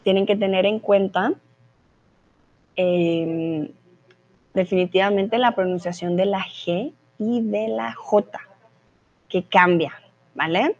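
Woman teacher, live online class, slow and patient, repeats examples, dull lo-fi audio. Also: mid-range voice. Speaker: Spanish teacher. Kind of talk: live online language lesson.

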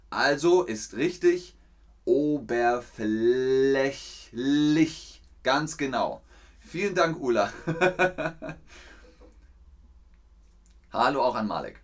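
A man teaching a live online language lesson, answering chat questions patiently and repeating example sentences clearly. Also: medium pitch. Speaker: German language teacher streaming.

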